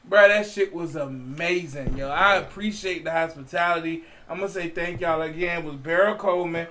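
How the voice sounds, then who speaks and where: High-voiced slangy man chatting. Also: normal speed, pushed and bright. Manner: loose, profane, slangy banter. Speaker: co-host of a band reaction show. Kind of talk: casual chat.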